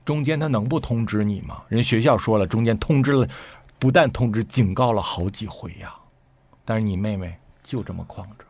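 Animated storytelling man. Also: lowish voice, a little fast. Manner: animated, acts out quoted speech with sharp rises. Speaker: storyteller guest. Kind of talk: casual conversational storytelling.

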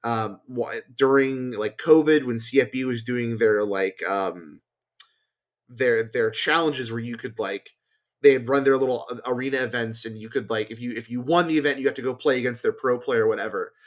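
A man's voice: medium pitch, normal speed. A man, a podcast guest, talking casually about a card game and thinking aloud with many fillers and restarts. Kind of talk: casual chat.

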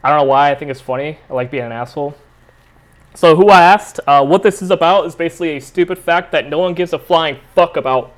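Crude, rambling young man, fairly high voice. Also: brisk. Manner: crude, rambling, profane, self-mocking. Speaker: podcast host. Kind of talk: casual storytelling monologue. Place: San Diego area.

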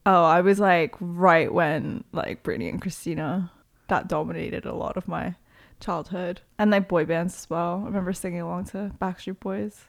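A woman's voice: fairly low pitch, fairly even intonation, normal speed, vocal fry. A young woman, a DJ raised in Toronto, chatting casually in an interview, filling her talk with "like" and laughing easily. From South Korea, raised in Toronto. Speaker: DJ and promoter, guest.

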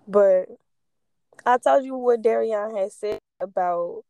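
A woman's voice: mid-range voice, slow, warm tone, dry recording. A young woman telling personal stories casually, stoned and rambling, losing her thread, with candid slang and free swearing.

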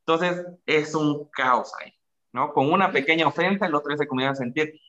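A Mexican man talks casually and animatedly. His bright, forceful voice jumps high when he acts out what people say. The sound is dull and lo-fi. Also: a little fast. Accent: Mexican Spanish. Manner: animated, acts out quoted speech with big pitch jumps. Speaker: guest speaker. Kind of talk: casual explanatory talk.

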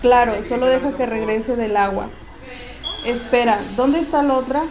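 A woman's voice: on the high side, normal speed, close to an everyday voice. A woman playing a female shift supervisor who jokes with her staff and gives urgent orders. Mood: alarmed. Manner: teasing, then urgent commands. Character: female shift supervisor, joking but protective.

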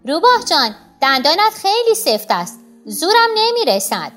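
A woman's voice: extremely high pitch, sing-song, a bit bright, soft background music, pitched above the performer's own voice, heavily acted. A woman voicing a nervous rabbit pretending to be a wise healer, pleading and flustered in a storybook. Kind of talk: storybook character voice.

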